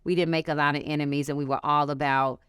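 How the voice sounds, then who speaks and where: A woman's voice: sits low, fast talker, clean tone, no echo, studio quality. A middle-aged woman with a Chicago accent, a small business co-founder, talking frankly and animatedly in an interview. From Chicago area, United States. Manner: frank, animated storytelling with emphatic asides. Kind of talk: candid conversational interview.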